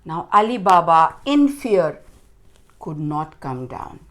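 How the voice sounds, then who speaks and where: A woman with a low-sitting voice tells a children's story expressively and deliberately. She uses dramatic phrasing and leans on stressed words.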